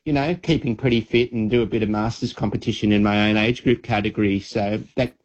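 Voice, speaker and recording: A man in his fifties with an Australian accent, a guest on a radio show talking earnestly, halting often with fillers. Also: lowish voice, fairly even intonation, highs cut off. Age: 50s. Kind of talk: casual radio chat.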